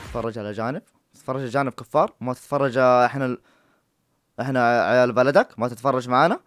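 A man's voice: mid-range voice, fast, soft background music. A man commenting on a prank video in a joking, teasing way. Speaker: YouTuber reacting to a prank video. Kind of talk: casual reaction commentary.

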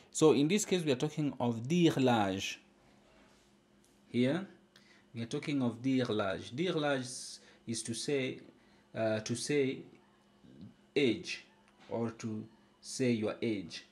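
Guy teaching french off a textbook, takes his time, says every phrase twice, steady middle pitch. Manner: slow, deliberate, repeats each phrase. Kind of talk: recorded language lesson.

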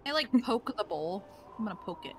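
A woman playing a tabletop game, making quiet, quick asides. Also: mid-range voice, very animated, faint music behind. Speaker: player.

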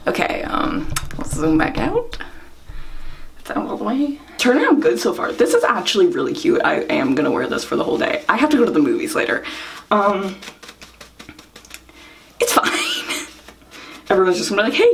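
A woman's voice: mid-range voice, gravelly, slight background noise. A young woman from Ireland chatting casually in a makeup vlog, rambling and self-deprecating with frequent giggles. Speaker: vlogger.

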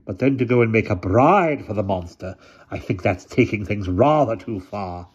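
A man voicing a very old, imperious aunt who speaks crisply and deliberately, on a dull lo-fi recording. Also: fairly low pitch, animated. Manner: crisp, commanding, slow and deliberate.

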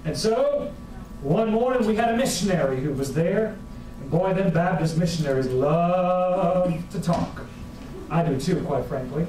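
A high-voiced male pastor, speaking a little slowly, delivers a folksy, humorous, animated sermon full of storytelling to a congregation in a church sanctuary. It was recorded from far off by a camera at the back of the room, so the hall sounds very echoey.

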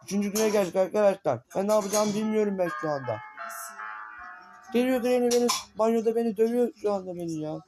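A man's voice: sits high, quick pace, dark tone, faint music behind. A man giving frantic, complaining let's-play commentary to his viewers, repeating himself as he plays. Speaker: gaming video creator.

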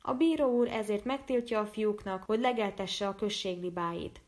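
A woman's voice: mid-range voice, darkish tone, lightly acted. A woman voicing a village messenger who delivers an official order formally.

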